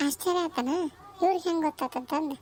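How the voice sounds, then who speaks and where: A woman voicing a warm, chatty village mother with a North Karnataka accent, scolding and affectionate by turns, in a cartoon. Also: high voice, brisk, close to an everyday voice. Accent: North Karnataka Kannada. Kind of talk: cartoon voice acting.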